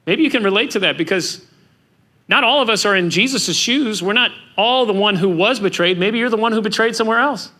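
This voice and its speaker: A man preaching a sermon as pastor, animated and acting out the voices of biblical figures. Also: high voice, a little fast.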